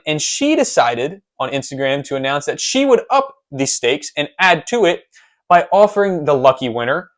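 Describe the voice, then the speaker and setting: A young man with a slightly high-pitched voice hosts a solo sports podcast. He tells the story in a loose, chatty way, with a few ums along the way. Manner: conversational storytelling with casual fillers. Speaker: podcast host.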